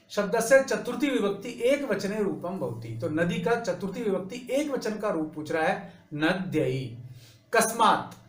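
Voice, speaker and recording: A man teaching an exam-prep lesson, working through each answer step by step and reciting grammar rules slowly. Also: high voice, echoey room.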